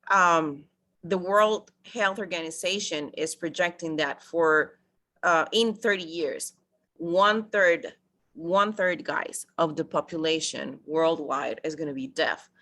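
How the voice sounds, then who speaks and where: Upbeat woman, bright voice. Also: low voice, slow. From Costa Rica. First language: Spanish. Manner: upbeat, addresses listeners as guys, many fillers. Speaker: project promoter. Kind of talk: enthusiastic presentation.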